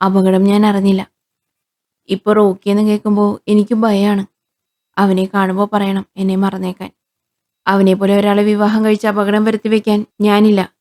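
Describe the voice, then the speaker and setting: A woman voicing a frightened, heartbroken young woman in a storybook, speaking haltingly. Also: medium pitch, dark tone, natural voice.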